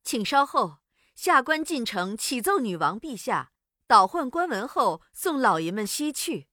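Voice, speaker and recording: A man voicing polite, fussy female court officials with a high, formal manner. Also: very animated, a little slow, sharp tone, no echo, clean studio sound, full character voice. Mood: courteous.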